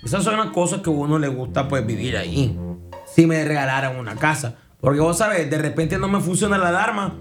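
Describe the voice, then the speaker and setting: Teasing Nicaraguan radio host, slightly high. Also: male voice, expressive, over loud music. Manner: teasing, playful, quick banter. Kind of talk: joking radio chat taking listener calls.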